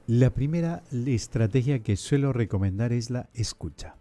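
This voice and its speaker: With a dark, expressive male voice of medium pitch, a priest runs a podcast. He teaches in a measured, didactic style, asking plenty of rhetorical questions.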